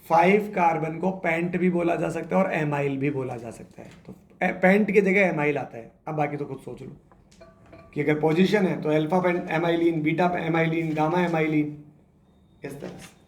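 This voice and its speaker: A man's voice: on the high side, normal speed. A man teaching a chemistry class, quizzing the students and repeating their answers as he spells out structures step by step. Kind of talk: classroom lecture.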